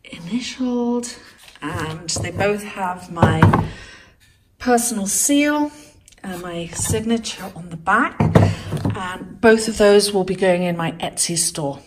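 A woman's voice: lowish voice, heavy background noise. A woman casually narrating a painting project step by step, thinking aloud as she works. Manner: chatty, thinking aloud while working, slow-paced. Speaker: art vlogger.

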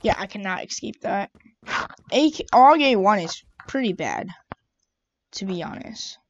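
Gamer woman, mid pitch, chatty and exasperated play-by-play, muffled lo-fi mic. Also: lively intonation, a little slow. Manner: chatty, exasperated running commentary. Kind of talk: gameplay commentary. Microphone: own desk mic. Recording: dull lo-fi home mic.

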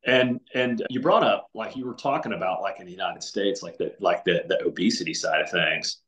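A middle-aged man speaks earnestly as a podcast guest on a casual video call, his low, brisk voice carrying a slight brightness. He keeps restarting sentences and leans on fillers. He's in a home room with windows, and the recording has a roomy echo.

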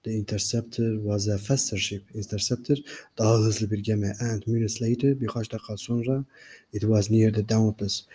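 Turkish-accented guy teaching, reads english then explains it to the class, low dark husky voice. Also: little pitch movement, moderate pace. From Turkey. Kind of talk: reading a graded reader aloud and translating.

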